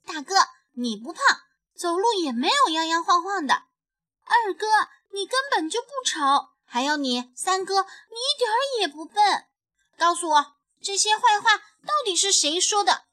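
Brief: woman doing a small, brave girl bunny; storybook voice, high, loud, quick to protest. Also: expressive, dry recording, full character voice. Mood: defiant.

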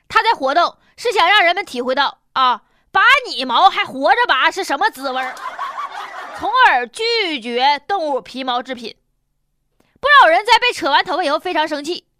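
A woman's voice: high-pitched, bright, forceful tone, dry recording, studio quality. A woman with a Northeastern Chinese accent hosting humorous news commentary in a blunt, mocking, colloquial way. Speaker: comedic news show host.

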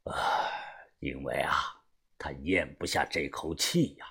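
A man voicing a calm, shrewd middle-aged gang leader in an audiobook, speaking low and half-whispered. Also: measured pace, vocal fry, breathy edge, heavily acted. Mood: calm, commanding.

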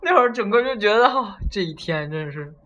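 A man casually telling a story on a podcast, animated and acting out the people in it. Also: high voice, fairly quick, muffled recording. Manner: animated, acts out voices while telling a story.

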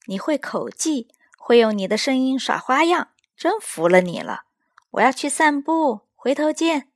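A woman voicing a cheerful, friendly patchwork elephant in a children's story, with bright, animated exclamations. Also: high voice, unhurried, no room sound, studio quality, voice pushed up, exaggerated voice.

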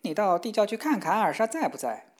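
A woman's voice: medium pitch, sing-song, fast talker, pitched above the performer's own voice, close to an everyday voice. A woman voicing a proud mother in a storybook tale, speaking eagerly and emphatically. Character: proud old mother, boastful about daughter.

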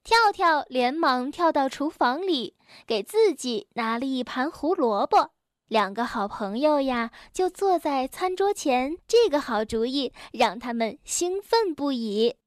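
A woman reading a children's story aloud to kids, gentle and unhurried. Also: high voice, expressive, no room sound, studio quality.

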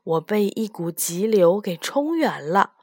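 A woman's voice: medium pitch, very animated, measured pace, a little mellow, dry recording, studio quality. A woman voicing an annoyed, huffy tiger in a storybook.

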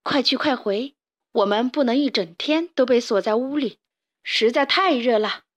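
A woman's voice: a little high, normal speed, natural voice. Tired father rooster played by a woman, puzzled muttering, storybook voice. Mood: weary.

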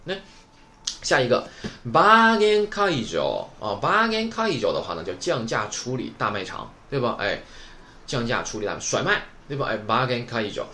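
A man's voice: medium pitch, very animated, fairly quick, bright, forceful tone, slight background noise. A man from Northeast China teaching a Japanese vocabulary lesson, explaining patiently and asking rhetorical questions as he goes.

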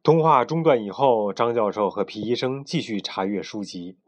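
A man reading a children's bedtime story aloud at home in a lively storytelling manner. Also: moderate pace. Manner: lively storytelling with animated pitch.

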